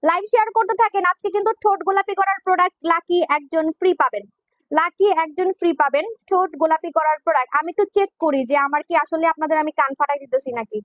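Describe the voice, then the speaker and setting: A woman's voice: very high-pitched, fast, fairly bright tone, no echo. A woman, hosting a casual livestream for her skincare shop, teasing and chatting directly with viewers through a clip-on mic. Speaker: online skincare shop owner selling on a livestream. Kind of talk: casual livestream sales talk.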